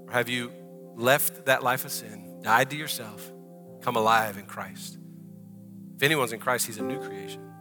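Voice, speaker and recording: Southern pastor guy preaching in church, super bright forceful voice, soft guitar behind. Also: medium pitch. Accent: Southern American. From American South. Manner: conversational preaching, rising to loud fervent prayer; drawn-out, emphatic phrasing in the closing prayer. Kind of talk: sermon. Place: church hall.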